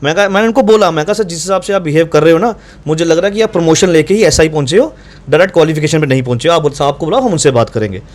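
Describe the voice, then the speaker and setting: Brief: young adult man, rapid and insistent account, voice on the higher side, reenacts the argument. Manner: fast, insistent, reenacts dialogue. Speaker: doctor recounting incident to reporter. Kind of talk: animated first-person account.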